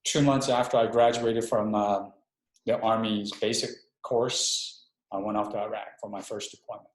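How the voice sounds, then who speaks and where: A man's voice: lowish voice, flat delivery, normal speed. A middle-aged man from Hawaii, an Army chaplain speaking as a guest in a webinar interview, reflective and a little hesitant, often restarting his sentences. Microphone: video call. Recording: roomy echo.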